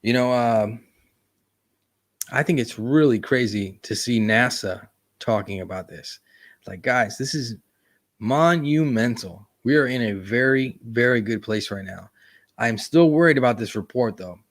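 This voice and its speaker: A man's voice: medium pitch, a little slow. A man hosting a casual livestream chat, rambling in a laid-back way and often tossing in "man.". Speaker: YouTube livestream host.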